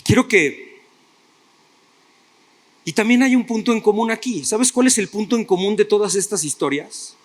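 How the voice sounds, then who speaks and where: A man's voice: sits high, expressive, normal speed, long pauses. A male pastor preaching a sermon, retelling stories and putting rhetorical questions to his listeners.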